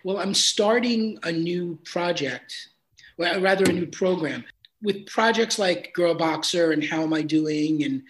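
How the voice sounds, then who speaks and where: A man's voice: high voice, measured pace, rough recording. A man working as a film composer, talking earnestly and thoughtfully in an interview, with repeats and restarts. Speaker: film composer and sound designer. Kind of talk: casual interview chat.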